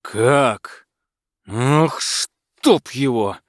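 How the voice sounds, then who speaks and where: A man's voice: mid-range voice, very slow, no room sound, studio quality. A man voicing a grumpy, hot-tempered old tsar who grumbles and roars. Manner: grumbling, bellowing.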